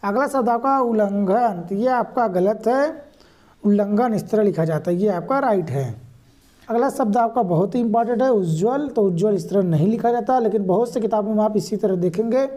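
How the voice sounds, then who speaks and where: A woman with a fairly high, dark-toned voice runs a spelling lesson for exam prep. She patiently explains each word and repeats the correct answers. She speaks directly to viewers in a repetitive, explanatory way.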